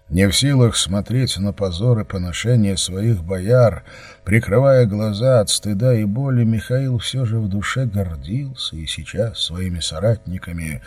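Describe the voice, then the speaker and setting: A man reading a historical novel aloud in a measured, grave audiobook narration. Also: lowish voice, darkish tone, breathy edge, no room sound.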